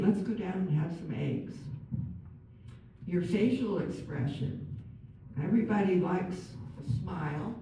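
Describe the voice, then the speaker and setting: A woman working as a nurse and counsellor, giving a chatty, gentle talk to a group and acting out example phrases. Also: fairly low pitch, slight background noise. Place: large room with an audience. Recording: very echoey room, far from mic.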